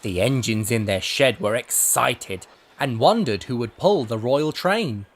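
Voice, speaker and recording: A man reading a children's storybook aloud as narrator, expressive and unhurried. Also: mid-range voice.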